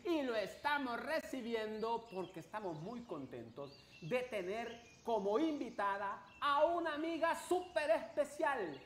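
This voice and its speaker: Man playing cheerful childlike kids show host, theatrical clown delivery, unhurried, roomy sound with slight noise. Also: very high voice, lively intonation, fairly bright tone, exaggerated voice. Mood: cheerful, welcoming. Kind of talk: kids show host, animated story reading.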